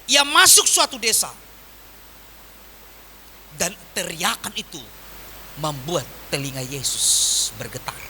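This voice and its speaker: A man preaching a sermon as pastor, swinging from loud emphatic lines to quiet soft ones. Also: a little high, takes it slowly, pauses often, a little hiss or hum. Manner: animated preaching with wide swings in volume.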